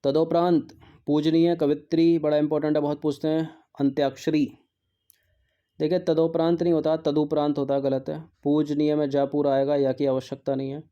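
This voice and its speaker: A man's voice: on the high side, little pitch movement, normal speed, muffled recording. A male teacher going through exam practice questions, repeating words to drill their spelling and mixing in English terms.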